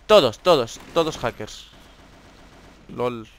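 A young man from Spain with a Spanish accent, hosting live gameplay commentary, swinging from hushed whispers to excited shouts. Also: mid-range voice, slow, background noise. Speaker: gaming channel host.

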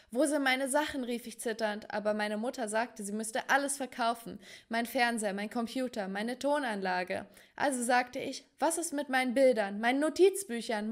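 A spoiled teenage girl recounts her woes in scripted first-person narration, performed by a woman for an animated story. The tone is dramatic and self-pitying, and the voice is slightly high. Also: close to an everyday voice.

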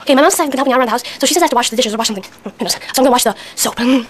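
A woman's voice: on the high side, rapid-fire, background noise. A young woman playing a hyper twelve-year-old boy obsessed with sugar, giddy and repetitive in a homemade comedy skit. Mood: silly.

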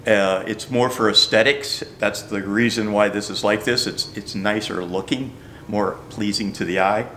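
A man's voice: fairly low pitch, fairly even intonation, moderate pace, a bit bright, a little hiss or hum. An older man, a shoe company representative, patiently explaining product features in a store. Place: bowling shoe store, indoors.

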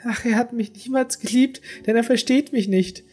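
A narrator voicing a gentle, sorrowful young woman in a classic audiobook, speaking earnestly with a raised voice. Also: mid-range voice, animated, brisk, husky, voice pushed up. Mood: grieving. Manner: raised voice, soft and earnest to sobbing. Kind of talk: audiobook character reading.

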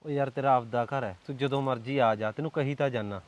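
A man's voice: medium pitch, quick pace, no room sound, close to an everyday voice. A young actor with a Punjabi accent playing a boyfriend who coaxes and soothes his angry girlfriend. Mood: coaxing. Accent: Punjabi (Malwa). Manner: coaxing, soothing. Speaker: actor in a short film.

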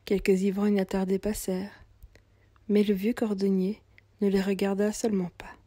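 A woman narrating a storybook tale calmly and softly, at times almost in a whisper. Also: mid-range voice, normal speed, no room sound. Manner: calm, soft, at times near a whisper.

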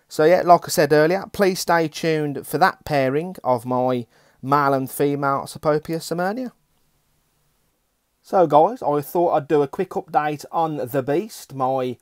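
A man's voice: a little high, no echo, clean studio sound. A man with an Australian accent, an adult father, giving a casual and chatty update on his collection with many fillers. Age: adult with children. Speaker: hobbyist vlogger.

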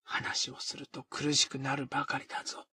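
A man voicing a calm young doctor, soothing a patient in a gentle, low-key way. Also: normal speed, husky, dry recording, full character voice.

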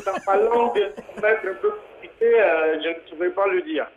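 A man's voice: high-pitched, fairly quick, a little hiss or hum. A man from Côte d'Ivoire calling into a live TV talk show, hesitant and full of fillers. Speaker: caller. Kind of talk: phone call to a live TV show. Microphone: telephone. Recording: tinny phone line.

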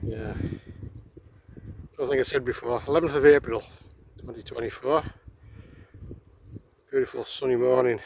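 Out on open fell paths, a man narrates his walk into a windy camera mic, chatting casually and pointing out the views for his vlog. His medium-pitched voice is gravelly and darkish, fairly even in intonation and moderately paced, with long pauses. The recording is low quality, with faint outdoor noise.

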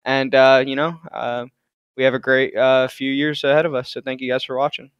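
A young man giving a heartfelt anniversary speech to his gaming community, pausing often with "uh" and "um". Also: mid-range voice, little pitch movement, smooth, dry recording, muffled recording. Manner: halting, full of "uh" and "um" fillers.

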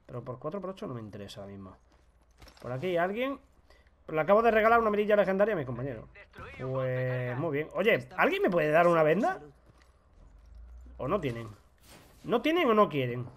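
A man with a Spanish accent from Spain, commenting on his own gameplay, excitable with loud outbursts and self-mocking asides. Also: on the high side, fairly quick, long pauses, slight background noise. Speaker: gaming YouTuber.

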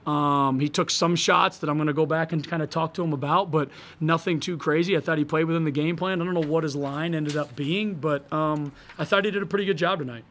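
A man in his thirties with a fairly high voice, speaking into a table microphone in a press room. He answers post-game questions frankly and thinks aloud, restarting sentences and gesturing broadly as he talks. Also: fairly even intonation, a little fast, hardly any pauses, a bit bright. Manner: gestures broadly while talking. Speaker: head basketball coach. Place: press room in front of a logo backdrop.

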